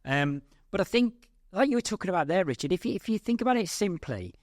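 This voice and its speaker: A man, a public speaking coach, talks as a podcast guest and tells his stories in a reflective, measured way. His voice sits a little high for a man, and the recording is dry. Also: expressive, no echo. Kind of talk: casual interview chat.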